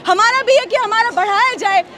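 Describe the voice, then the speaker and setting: A woman's voice: very high voice, moderate pace, sharp tone. A woman factory worker at an outdoor protest, stating her demands in a plain-spoken, pleading way. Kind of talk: street interview. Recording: crowd noise on a city street.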